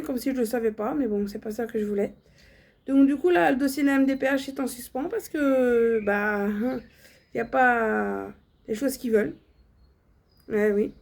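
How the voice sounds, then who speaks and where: In a casual personal vlog, a young woman addresses her viewers bluntly, stumbling through many fillers and restarts. Her voice sits high but carries a darkish tone.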